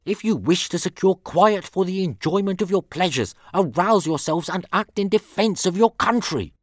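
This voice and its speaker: A man's voice: sits high, lively intonation, moderate pace, dry recording, studio quality, voice pushed up. A man declaiming as a stern Roman senator. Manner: grave, rhetorical, sweeping emphasis. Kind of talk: declaimed historical speech reading.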